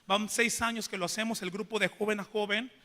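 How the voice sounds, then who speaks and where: Brief: preacher, high and bright voice, echoing church hall. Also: male voice, brisk. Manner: questions the congregation, animated preaching. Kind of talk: sermon with storytelling.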